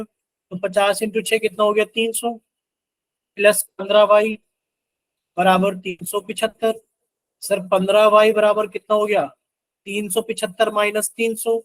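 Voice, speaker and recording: High-voiced man teaching a live math class. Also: no echo, poor audio. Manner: coaxing, repeatedly asks students to answer; works sums aloud with Hindi multiplication-table chants.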